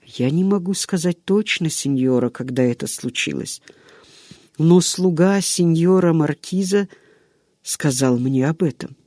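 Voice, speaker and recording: A man's voice: a little high, dark tone, no room sound, studio quality. A man doing a chatty old servant woman. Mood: garrulous. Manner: rambling, drawn-out storytelling. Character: chatty old female servant, long-winded and unhurried.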